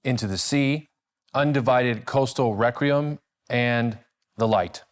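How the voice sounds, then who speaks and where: A man's voice: medium pitch, takes it slowly. A man presenting an award, reading the nominee list after a joking exchange.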